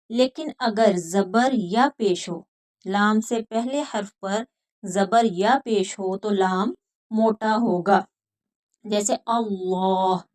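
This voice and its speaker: A woman with a Pakistani accent teaching Quran reading, explaining each rule step by step and slowly repeating words. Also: medium pitch, darkish tone. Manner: patient, repeats words slowly and stretches recited sounds. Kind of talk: slow step-by-step lesson.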